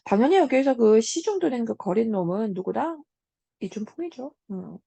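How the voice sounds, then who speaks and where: A woman teacher giving a casual lecture on a classic story, talking straight to her students with many soft hums between points. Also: fairly high pitch, very animated, normal speed, creaky, slightly rough, no room sound. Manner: casual, talks to students as 얘들아 with frequent hums.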